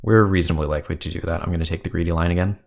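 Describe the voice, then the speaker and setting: A man's voice: sits low, steady tone, racing, gravelly. A man commentating his own card game, thinking aloud and weighing each move. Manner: thoughtful, muses and counts under his breath. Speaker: gameplay commentator. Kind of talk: thinking aloud over gameplay.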